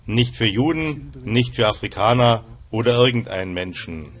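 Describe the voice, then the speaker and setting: A man reading a calm, plain voice-over translation of another speaker. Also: mid-range voice, normal speed.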